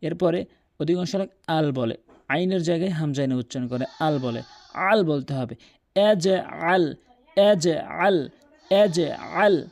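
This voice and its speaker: A man teaching Quran recitation, repeating each word slowly to correct pronunciation and chanting verses between explanations. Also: a little high, a little mellow. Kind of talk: tajweed pronunciation lesson.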